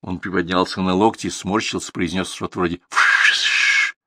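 A man narrating a contemporary prose audiobook in a measured, even storytelling manner. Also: low-pitched. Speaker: audiobook reader.

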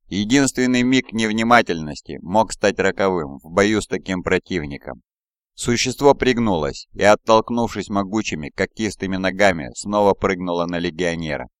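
A man narrates an audiobook in a measured, dramatic way, his voice very low and resonant. He is recorded close and dry, with no room sound. The reading is steady and carefully paced. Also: clean tone, dry recording.

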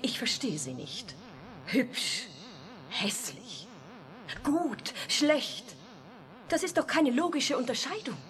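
A high-voiced artificial young woman in a German radio play. She speaks formally and literally, cool and logical, yet her pitch moves in lively swings as she learns to feel. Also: takes it slowly, pauses often, a crowd in the background. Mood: cool, puzzled. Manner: formal, literal, controlled speech. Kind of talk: 1980s German radio drama acting.

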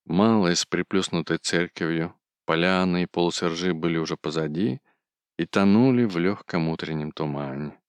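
A man narrating a classic story in a steady, measured reading. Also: deep voice, no echo, clean studio sound.

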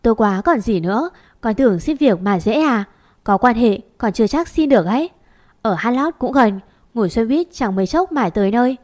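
A woman reading as an old grandmother who chides her granddaughters fondly. The voice stays fairly high and plainly read, with homely, nagging advice. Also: expressive, moderate pace, darkish tone, lightly acted. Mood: chiding. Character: old grandmother, fond but scolding.

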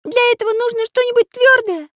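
A woman voicing a small, quick-tempered magic pencil-artist boy in a storybook, with a squeaky, grumbling manner. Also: fairly bright tone, dry recording, clean studio sound. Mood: exasperated.

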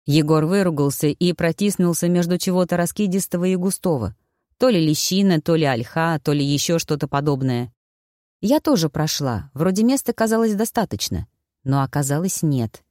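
A woman telling a fantasy story in the first person as an audiobook narrator, with lively, expressive delivery. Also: sits low, moderate pace, dry recording, studio quality.

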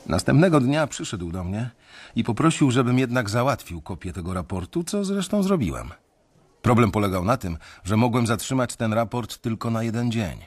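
A medium-pitched voice, a bit mellow and husky, with big swings in pitch, belongs to an actor voicing a disillusioned young bank analyst. He narrates this radio drama in the first person, measured and reflective.

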